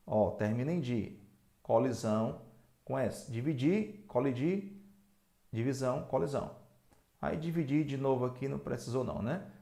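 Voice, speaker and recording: A man's voice: medium pitch, mellow. Didactic male teacher in an echoey room. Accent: Brazilian Portuguese. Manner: didactic, checks in with the viewer. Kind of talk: recorded spelling lesson.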